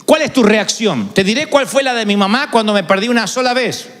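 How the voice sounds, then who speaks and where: A man's voice: high voice, expressive, brisk, fairly bright tone. A man preaching a sermon in a large hall, dramatic and storytelling, acting out quoted voices. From Argentina. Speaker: pastor. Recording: large hall with long reverb.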